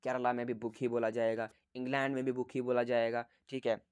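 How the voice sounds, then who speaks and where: A man from Jammu and Kashmir teaching an exam-prep grammar lecture. He explains patiently, keeps checking in with 'okay', asks rhetorical questions, and reads rules out slowly and deliberately. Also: mid-range voice, level tone, darkish tone, clean tone, no room sound.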